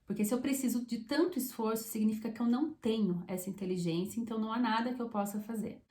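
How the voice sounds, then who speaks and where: A woman psychologist giving a conversational explanatory talk, often checking in with short tag questions and pausing to choose her words. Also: a little high, darkish tone. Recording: echoey room.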